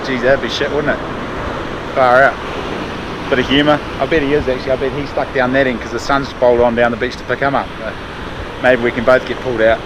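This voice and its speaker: A man's voice: medium pitch, flat delivery, fairly quick. A man with a broad New Zealand accent giving casual, laid-back, slangy running commentary for a vlog. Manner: laid-back, matter-of-fact, mildly sweary and slangy. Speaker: vlogger. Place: outdoors and around vehicles. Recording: noisy outdoor audio with vehicle sounds.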